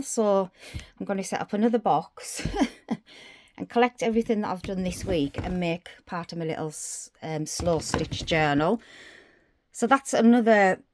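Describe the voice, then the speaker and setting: A woman's voice: medium pitch, slight background noise. Chatty woman touring her craft room. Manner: chatty, rambling, listing items as she goes. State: slightly out of breath. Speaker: crafting vlogger. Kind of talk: casual room tour narration. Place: small craft room indoors.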